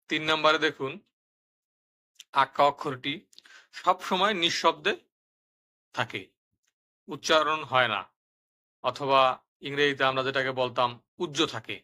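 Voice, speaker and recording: A man narrating a step-by-step language lesson, explaining pronunciation rules and repeating each example word twice, slowly and clearly. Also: a little high, pushed and bright. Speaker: language teacher.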